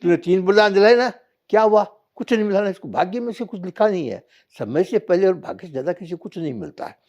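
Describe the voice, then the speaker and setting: A man voicing Lord Shiva, a calm all-knowing male deity, in a patient lecturing way in a told parable. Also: a little high, fast talker, slightly rough, lo-fi sound, voice pushed up. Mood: explaining.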